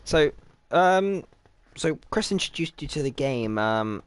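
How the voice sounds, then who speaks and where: A man's voice: fairly high pitch, expressive, slow pace, clear, resonant tone. A man hosting a casual gaming podcast interview, chatting in an informal, jokey manner. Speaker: podcast host.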